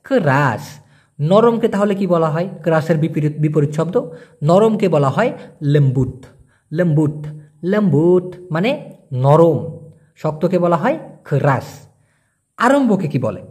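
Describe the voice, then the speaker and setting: A young man giving a casual spoken language lesson, explaining patiently and repeating each word slowly. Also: fairly high pitch, a little mellow, husky. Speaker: language teacher.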